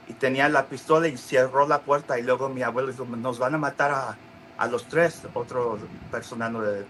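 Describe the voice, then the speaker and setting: Halting man with a bright voice. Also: mid-range voice, slight background noise, poor audio. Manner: halting, many restarts and fillers, acts out quoted voices. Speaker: interview guest. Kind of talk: casual storytelling interview.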